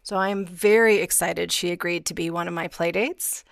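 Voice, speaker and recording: A woman's voice: fairly low pitch, steady tone, normal speed, vocal fry, dry recording. Female podcast host, conversational interviewer, dry close mic.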